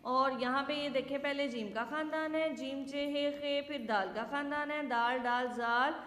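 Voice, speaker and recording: A woman teacher giving a slow, patient alphabet lesson to young children, asking questions and answering them herself. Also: high-pitched, steady tone, fairly bright tone. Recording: echoey room with long reverb.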